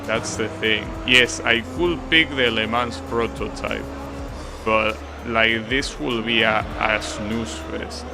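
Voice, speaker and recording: In a low voice with vocal fry, a man with an Argentine accent talks slowly over music, reflecting casually to his stream chat as he plays a racing game.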